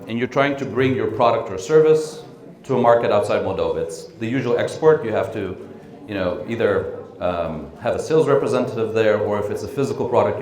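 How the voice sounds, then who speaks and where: An echoey room carries the low-leaning voice of a man lecturing. He is a training speaker in a conference room, born in Russia and raised in the United States and the Netherlands, relaxed and full of ums, uhs and "right?"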